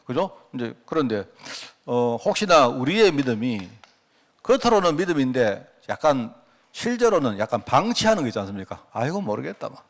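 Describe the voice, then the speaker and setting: In a church sanctuary, a middle-aged pastor delivers a chatty sermon packed with rhetorical questions, acting out quoted prayers as he goes. His mid-range voice is very animated and moves at a normal speed.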